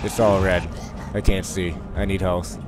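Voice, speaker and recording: A man giving casual, jokey commentary over a horror game, excitable, talking to himself and repeating phrases. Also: deep voice, unhurried. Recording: loud game music behind the voice. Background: horror game music and sounds.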